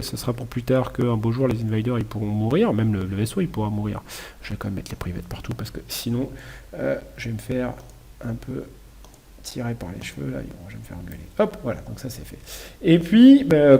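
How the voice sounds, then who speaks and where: A man's voice: medium pitch, vocal fry, darkish tone. A man giving a casual programming lecture while demonstrating code, chatty and self-correcting with frequent apologies. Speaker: university lecturer. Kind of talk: live coding lecture.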